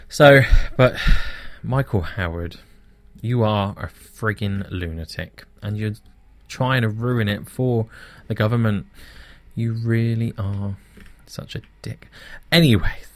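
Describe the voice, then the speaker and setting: A man's voice: fairly low pitch, dry recording. A young British man with blunt opinions, hosting casual news commentary with many restarts. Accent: British English.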